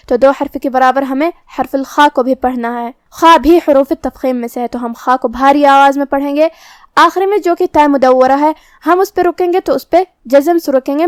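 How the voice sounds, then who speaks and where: A woman with a high voice teaches recitation rules in a slow, methodical tutorial. She is close to the mic in a dry, deadened space, and she carefully walks through each letter's pronunciation. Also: a little mellow, no echo. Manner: explains pronunciation rules step by step. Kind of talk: tajweed lesson with slow recitation.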